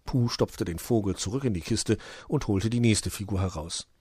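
A man reading a children's story aloud with an expressive storytelling cadence. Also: fairly low pitch, normal speed, slightly rough, no echo, clean studio sound. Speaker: narrator.

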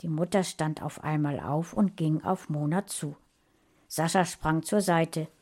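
A woman reading a fantasy story aloud in an even storytelling manner. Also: deep voice, measured pace. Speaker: audiobook reader.

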